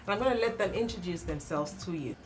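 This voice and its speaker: A woman's voice: lowish voice, expressive, quick pace, music in the background. A woman hosting a studio talk show, welcoming guests and steadily asking them questions.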